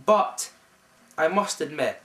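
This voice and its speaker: A young Scottish man reviewing a film in casual chat, enthusiastic and rambling with lots of restarts, recorded in a friend's flat. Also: a little high, slow pace. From Scotland. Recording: roomy, mic at a distance.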